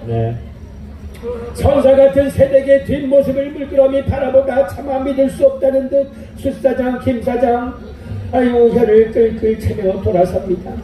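High-voiced Korean stage narrator, echoey. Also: male voice, level tone, moderate pace, dark tone, faint music behind. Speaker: byeonsa narrator of silent-film style stage play. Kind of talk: theatrical live stage narration. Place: outdoor festival stage. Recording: echoey outdoor PA sound from far off.

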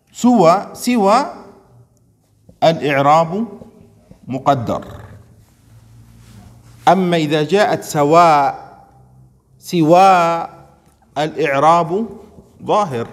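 Male grammar teacher, fairly high voice, hall echo, slow stressed examples, constant comprehension checks. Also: lively intonation. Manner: checks understanding with frequent questions to students; slows down and stresses words when reading out examples. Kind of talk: classroom lesson.

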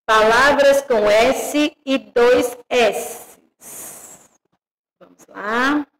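A woman teacher giving an online grammar lesson to young children, speaking slowly and clearly and calling them affectionate names. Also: on the high side, long reverb tail, low-quality recording. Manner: slow and clearly articulated; warm, addresses children as "my loves". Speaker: primary school teacher.

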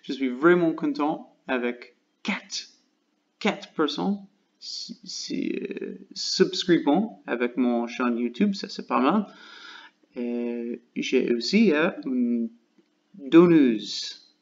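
Male host, American, non-native French speaker; unhurried, hesitant casual vlog delivery; slightly muffled lo-fi audio. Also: mid-range voice, animated. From United States. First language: English. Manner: halting learner's French, searching for words with many pauses. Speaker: channel host.

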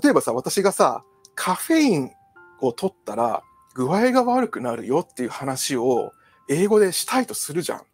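A man's voice: on the high side, big pitch swings, moderate pace, husky, faint music behind. A Japanese male counselor talking casually on his own, rambling with many fillers and asides. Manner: chatty, digressive, many fillers. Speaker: psychological counselor. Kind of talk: casual solo talk.

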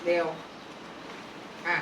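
A woman kindergarten teacher running a classroom vocabulary drill. She repeats each word slowly and coaxes the children while staying firm. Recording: echoey room from far off, clear noise.

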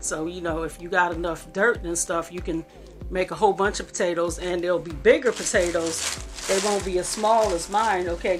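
A woman's voice: fairly low pitch, fairly bright tone. A middle-aged woman talking casually to viewers in a rambling, homey and affectionate way, as a cooking vlogger. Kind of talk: casual home vlog chat. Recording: faint background music.

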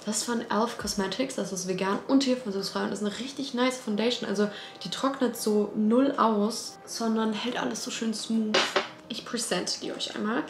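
Her voice is fairly high and steady, at a normal speed, with some background noise. She's a lifestyle vlogger in her twenties speaking casually to the camera, enthusiastic and slangy. The bright, modern apartment gives a roomy sound, and music plays behind her.

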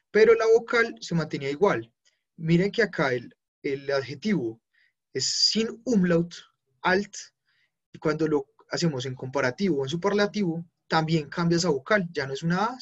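The lo-fi recording captures a fairly high-pitched man teaching German live online. He goes slowly, spells endings aloud, and corrects himself a lot.

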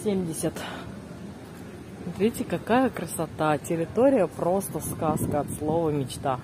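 Holding a phone camera, a middle-aged woman narrates her family's casual travel vlog as she moves through resort corridors, grounds and poolside. Her deep voice is animated and a little slow, full of effusive exclamations. The handheld recording is noisy.

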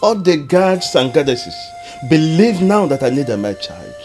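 A man's voice: a little high, very animated, moderate pace, darkish tone, faint music behind. A man playing a stern, imperious king in a film drama, speaking emphatically with a Nigerian accent. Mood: impatient, stern. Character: stern, imperious king demanding a male heir.

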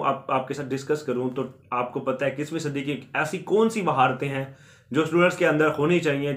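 A man with a somewhat high-pitched voice gives an earnest explanatory talk to his viewers. He repeats his points, restates them in new words, and drops English terms into his sentences. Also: fairly bright tone. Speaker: YouTube education channel host.

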